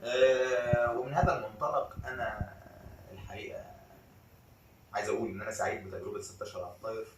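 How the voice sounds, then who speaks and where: A man's voice: lowish voice, flat delivery, fast talker, echoey room, recorded from a distance, background noise. A man with an Egyptian accent, a rapper and vlogger chatting loosely in slang between rap takes. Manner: loose, slangy, laid-back talk. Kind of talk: casual chat between freestyle rap takes.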